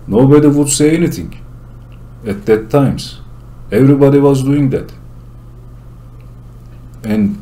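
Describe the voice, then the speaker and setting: Speaking English with a Turkish accent, a Turkish man who hosts a channel offers a solo commentary, explaining each point in an earnest, deliberate way. He has a medium-pitched, dark voice, and a bit of hiss or hum runs under the audio.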